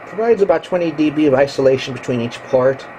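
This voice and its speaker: A ham radio hobbyist gives a casual, hands-on video tour of his equipment, explaining the technical gear in a matter-of-fact, halting way. His voice is warm and fairly high-pitched. It's captured on a handheld camera's built-in mic, and the recording is clearly noisy.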